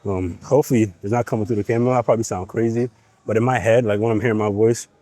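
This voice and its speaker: A young man's low, steady, dark-toned voice races along as he talks straight to the camera between sets, nasal from a cold. The fitness vlogger's casual gym chatter is blunt, profane and full of pep talk, and the recording is dry.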